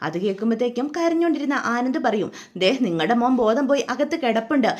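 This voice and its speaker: High-voiced chatty woman storyteller. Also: expressive, fast talker. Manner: chatty, tags lines with asides to listener. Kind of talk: casual retelling of a TV serial.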